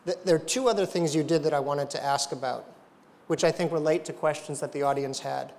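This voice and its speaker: A man's voice: fairly high pitch, a little fast, a little mellow. A man moderating an on-stage conference interview, summing up points and then asking probing questions. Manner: probing, summarizes before asking. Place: conference hall stage before an audience. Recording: reverberant hall, faint background noise.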